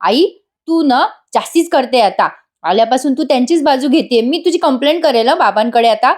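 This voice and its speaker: A woman's voice: high-pitched, lively intonation, fairly quick, a little mellow. A woman voicing a flustered young husband from a TV serial, in a sulky, complaining manner.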